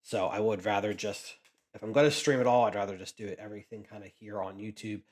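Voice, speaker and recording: A man's voice: on the low side, fairly even intonation, fast talker, a little mellow. A man casually chatting as he sorts trading cards for his channel, rambling with frequent restarts. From Pennsylvania, US. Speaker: card collecting vlogger. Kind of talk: casual chat while sorting cards.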